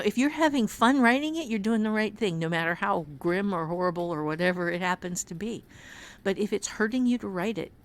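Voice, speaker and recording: On a conversational podcast, a female writing teacher makes her case earnestly and with emphasis, repeating phrases to hammer the point. Her voice is medium in pitch.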